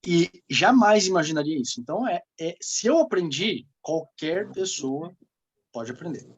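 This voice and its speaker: Brazilian man, sales mentor, emphatic and animated, voice pitched a bit high. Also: moderate pace, breathy edge. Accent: Brazilian Portuguese. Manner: emphatic, animated, laughs often. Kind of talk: coaching talk.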